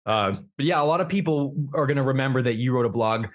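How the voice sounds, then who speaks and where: A man's voice: mid-range voice, fast talker. A young man hosting a podcast, conversational and thoughtful, with plenty of fillers as he talks. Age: young adult. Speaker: podcast host. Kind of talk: casual podcast interview.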